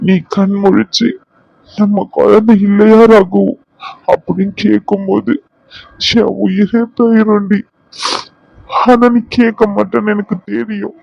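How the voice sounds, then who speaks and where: A man voicing a tender, remorseful young husband in a cartoon drama, talking slowly and pleadingly. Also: high voice, little pitch movement, creaky, no room sound, muffled recording, exaggerated voice. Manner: soft, pleading, slow and emotional.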